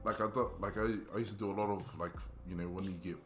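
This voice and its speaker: A man's voice: on the low side, fairly even intonation, fast, a bit bright, faint music behind. A man from New Zealand with a New Zealand accent, telling a story in a rambling, laid-back way with plenty of fillers on a podcast. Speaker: guest musician. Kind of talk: casual storytelling. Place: podcast studio.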